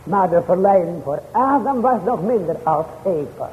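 A man preaching a sermon in old-fashioned, formal church language. He addresses his hearers directly, with sudden rises and drops in pitch and loudness. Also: lively intonation, moderate pace, in a large hall, phone-quality sound, slight background noise.

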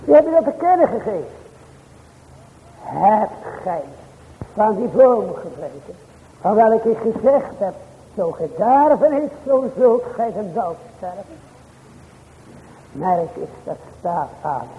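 A man preaching a sermon in old-fashioned, formal church language. He addresses his hearers directly, with sudden rises and drops in pitch and loudness. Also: very animated, slow pace, long pauses, big-room sound, phone-quality sound, a little hiss or hum.

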